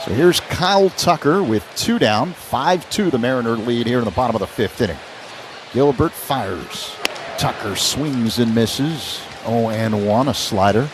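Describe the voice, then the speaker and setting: Unhurried yet animated, an American announcer with a medium-pitched voice calls a live baseball game on radio. He narrates play by play in clipped phrases as the action unfolds, crowd ambience from the ballpark behind him.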